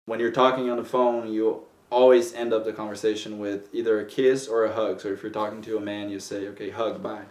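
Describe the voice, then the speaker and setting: Young man, low flat voice, roomy distant sound, interview. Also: fairly quick, hardly any pauses. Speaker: international student. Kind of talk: interview testimony.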